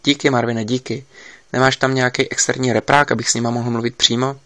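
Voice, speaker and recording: A man's voice: mid-range voice, level tone, bright, forceful tone, no room sound. A man reading an audiobook, voicing an insistent investigator giving urgent instructions over a line.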